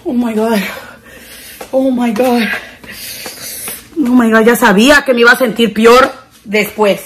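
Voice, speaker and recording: Young woman vlogger, teary and groaning, slow drawn-out talk, faint background noise. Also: fairly high pitch, fairly even intonation, fairly bright tone. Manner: switches between Spanish and English; distressed, groaning and exclaiming. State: teary from spicy food. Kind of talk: casual vlog chat.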